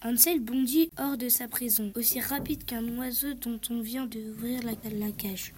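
A woman reading a fairy tale aloud in a measured storytelling manner. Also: a little high, fairly even intonation, darkish tone, slight background noise.

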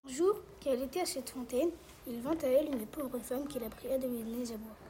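High-voiced woman reading a fairy tale. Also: a little fast, mellow, a little hiss or hum. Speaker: narrator.

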